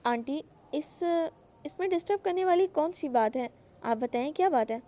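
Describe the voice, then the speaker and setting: A polite young husband from an audio novel, voiced by a woman, calm and respectful. The voice sits high and stays level.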